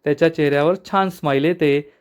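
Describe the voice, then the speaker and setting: A man briskly retelling the plot of a TV serial episode, quoting the characters as he goes. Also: fairly high pitch, fairly even intonation, clear, resonant tone. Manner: brisk storyteller, quotes characters. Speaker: episode reviewer.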